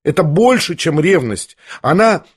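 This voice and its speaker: A man's voice: fairly high pitch, big pitch swings, measured pace, breathy edge, heavily acted. A man reading an audiobook, voicing a proud, jealous young noblewoman who fires off agitated, reproachful questions. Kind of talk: audiobook character voice.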